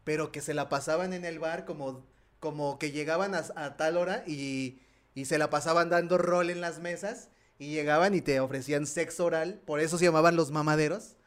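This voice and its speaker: A man with a Mexican accent in a casual chat, making quick, slangy, joking remarks. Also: on the high side, steady tone. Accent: Mexican Spanish. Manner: quick jokey interjections, slangy.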